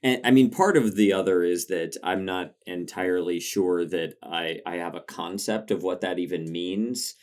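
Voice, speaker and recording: Male co-host, lowish voice, hesitant, thinks aloud. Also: normal speed, few pauses, a little mellow. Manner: hesitant, many restarts and fillers. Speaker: podcast co-host. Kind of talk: casual chat.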